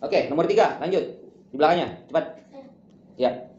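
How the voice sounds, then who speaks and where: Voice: mid-range voice, lively intonation, normal speed, darkish tone, slight background noise. A tutor explaining a school lesson step by step with lots of examples, often repeating the same closing phrases. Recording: roomy, dull lo-fi recording.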